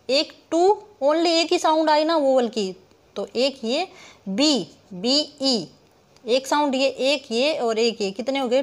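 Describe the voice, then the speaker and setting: Young woman teacher, slightly high-pitched, patient explainer who poses her own questions and breaks words into sounds. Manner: rhetorical questions she answers herself, addresses viewers as guys. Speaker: literature teacher. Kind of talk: online lesson explaining poetic meter.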